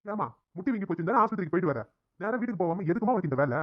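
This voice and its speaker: A woman's voice: fairly low pitch, animated, rapid-fire, lo-fi sound, a little hiss or hum, voice pushed down, lightly acted. A woman voicing a weary, nagging grown son in a cartoon, scolding with exasperation. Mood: exasperated.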